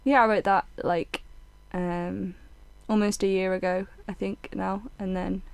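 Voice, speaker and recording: A young woman chats as an interview guest, laughing often and trailing off with fillers. Her voice is mid-pitched and recorded dry and close. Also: flat delivery, measured pace, vocal fry, clear, resonant tone, no echo. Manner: giggly, hesitant, many fillers. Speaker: musician guest. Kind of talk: casual interview chat.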